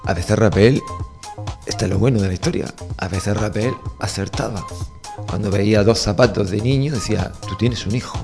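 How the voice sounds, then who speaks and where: A man with a fairly low voice, bantering as a radio co-host. He jokes and teases, throwing in loud asides, while music plays clearly under him. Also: moderate pace. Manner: playful, teasing, loud emphatic asides. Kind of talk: joking radio chat. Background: music bed.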